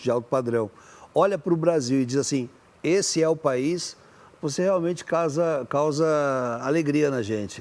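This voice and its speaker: A man's voice: fairly high pitch, darkish tone. A man with a Brazilian Portuguese accent hosting a talk show with jokey, theatrical banter.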